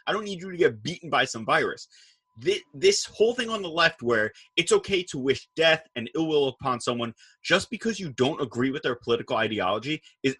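A man with a bright, husky voice hosts a political talk show. He talks in an animated, casual way and slips into quoted voices when he retells arguments. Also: a little high. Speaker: show host.

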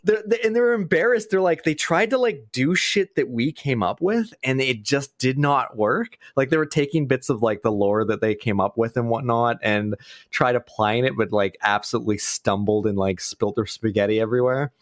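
A man talking on a casual podcast, cursing easily and telling stories with animated energy. His voice sits at an ordinary middle pitch. The sound is dry and close. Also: normal speed, no room sound. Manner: swears freely, laughs easily, animated storytelling. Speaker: podcast guest. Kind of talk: casual chat.

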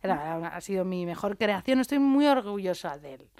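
A woman co-hosting a podcast, telling stories in an animated, sarcastic way with mocking impressions. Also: medium pitch, fast talker, no room sound. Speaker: podcast co-host. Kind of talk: casual chat.

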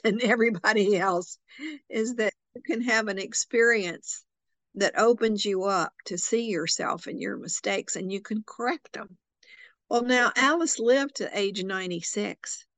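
A woman's voice: medium pitch, vocal fry, fairly bright tone, no echo. A woman with an Arkansas Southern accent, telling stories conversationally and emphatically as an author being interviewed. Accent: Arkansas Southern American. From Arkansas, United States. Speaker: author interviewed about a book.

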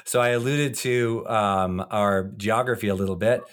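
This podcast co-host has a fairly low voice and fairly even intonation. He brings on guests and interviews them in a loose, somewhat faltering, long-winded way.

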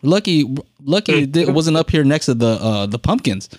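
A man's voice: fairly high pitch, big pitch swings, normal speed, a little mellow, dry recording. Easygoing man hosting a dry call-in show. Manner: easygoing, laughing, filler-heavy. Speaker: podcast host. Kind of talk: live call-in podcast chat.

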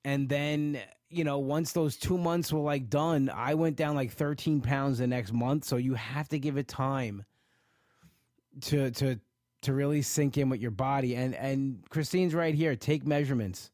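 An unhurried man with a mid-range, darkish voice chats casually on a livestream, reading viewer comments about his weight loss. His rambling is packed with restarts and "you know," and his nose is stuffed up from allergies. It's a dry, clean studio recording.

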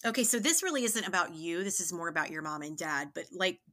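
Bright, joking woman interviewer. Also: fairly low pitch, animated, quick pace. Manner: joking, playful teasing. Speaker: guest interviewer. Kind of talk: casual chat.

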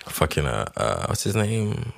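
Male podcast co-host, deep voice, slangy bro manner, loose casual conversation. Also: wildly swooping pitch, measured pace, gravelly. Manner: bro-ish slangy talk full of "bro", "dude" and swearing.

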